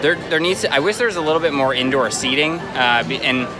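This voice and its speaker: A man with a slightly high voice chats casually as a food review co-host. He hesitates and restarts his sentences often. Clear music plays behind him in a busy outdoor park. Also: fast.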